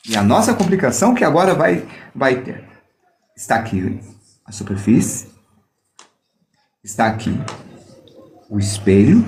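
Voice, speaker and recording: A man leads a drawing class on mirror reflections, his voice swinging up and down with animated energy. He breaks off to tease viewers playfully, then returns to patient explanation. A faint noise sits under the recording. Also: fairly high pitch. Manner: playful, jokes with viewers while demonstrating. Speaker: drawing teacher. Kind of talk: live online art lesson.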